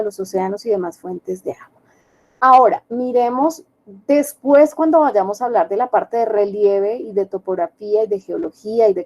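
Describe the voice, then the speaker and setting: Woman, online lesson, explanatory, mid pitch, soft warm tone. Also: rough recording. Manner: explanatory, checks understanding with questions. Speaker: teacher. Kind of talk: online class lecture.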